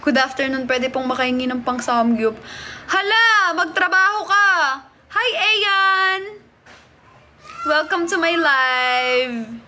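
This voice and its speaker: A woman's voice: high-pitched, expressive, slow, sharp tone, a little hiss or hum. A woman hosting a casual live stream from a hotel, chatting and greeting viewers as she reads their comments. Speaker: livestream host. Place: hotel room.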